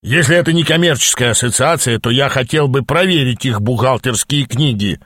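A man's voice: mid-range voice, a little fast, fairly bright tone, dry recording, studio quality, natural voice. A man voicing a short-tempered male demon mentor who growls and snaps in exasperation. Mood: exasperated.

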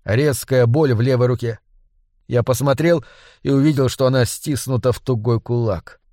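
A man narrating a first-person novel as an audiobook, in a measured, restrained manner. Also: mid-range voice, warm tone, no room sound, clean studio sound.

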